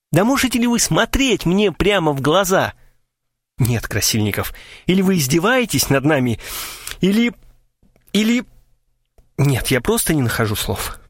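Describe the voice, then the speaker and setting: A man's voice: fairly high pitch, no room sound, studio quality, voice pushed up. A man voicing a theatrical male writer who declaims in a quavering, mock-tragic way.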